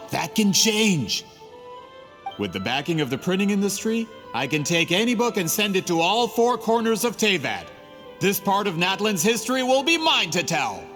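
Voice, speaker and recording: The performer is a man with a high-pitched, fairly bright voice playing a scheming, greedy male printing merchant. Smug and scornful, the character speaks in a game cutscene whose audio includes reverb and music.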